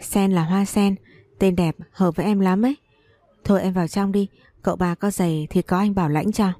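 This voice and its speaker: A woman voicing a kind, soft-spoken young gentleman. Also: mid-range voice, steady tone, brisk, dry recording, lightly acted.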